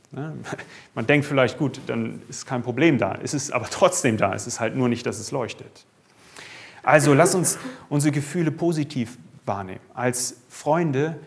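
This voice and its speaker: Earnest German-speaking male preacher. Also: mid-range voice. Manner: earnest, conversational with tag questions. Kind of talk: sermon.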